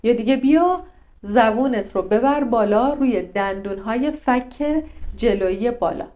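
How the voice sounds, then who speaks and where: A woman's voice: a little high, animated, warm tone. A woman speech coach giving a pronunciation lesson and demonstrating sounds as she talks the viewer through them.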